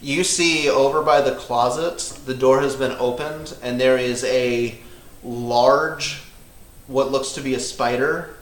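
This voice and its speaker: Laughing game master narrating in an echoey room. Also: male voice, medium pitch, steady tone, takes it slowly. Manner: laughs often while narrating. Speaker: dungeon master.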